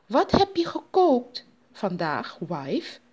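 A woman voicing a spider disguised as an American sea captain, who speaks slow, broken English. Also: fairly high pitch, wildly swooping pitch, darkish tone, husky, highs cut off, pitched above the performer's own voice, full character voice. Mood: demanding.

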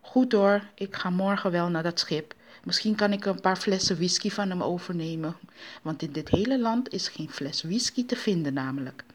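A woman's voice: fairly low pitch, moderate pace, natural voice. A woman voicing a sly, boastful male spider trickster in a storybook tale, with a cheeky, jokey way of talking. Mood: breezy.

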